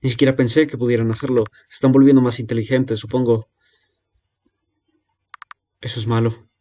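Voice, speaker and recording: A man's voice: medium pitch, little pitch movement, brisk, warm tone, slight background noise, lightly acted. [name], a man voicing a lonely little girl. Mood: anxious. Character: lonely young girl alone feeding monsters. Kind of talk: game dialogue read aloud.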